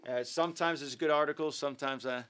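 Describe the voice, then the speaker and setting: A man's voice: a little high, fairly even intonation, fast talker, background noise. A man hosting a live youth ministry talk show, speaking casually and earnestly with lots of ums and uhs as he shares updates and a devotional. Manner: filler-heavy, earnest, upbeat. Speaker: youth ministry leader and host.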